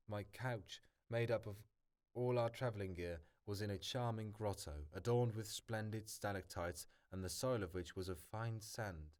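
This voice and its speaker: A man reading a novel aloud as a hobby, often stumbling and restarting words. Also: fairly low pitch. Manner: stumbles, restarts and corrects words, remarks on the text. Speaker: hobby audiobook reader. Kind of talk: amateur audiobook reading.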